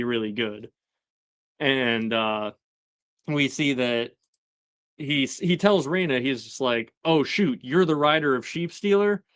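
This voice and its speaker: Man, casual live-stream commentary, animated and chatty, smooth clear voice, dry close sound. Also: medium pitch, no echo. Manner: chatty, animated, acts out quoted lines. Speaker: show host recapping a TV episode.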